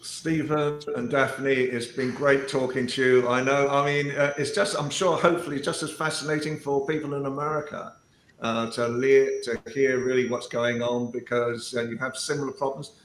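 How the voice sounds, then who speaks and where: Halting man co-host in an echoey room. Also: mid-range voice, steady tone, a bit bright. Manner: halting, full of restarts. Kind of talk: live show hosting. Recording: echoey room with faint noise.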